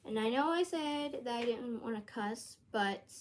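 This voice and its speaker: High-voiced, slow, rambling young woman. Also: animated, a little hiss or hum. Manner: rambling and earnest, with hesitant restarts. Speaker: YouTuber. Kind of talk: casual vlog monologue.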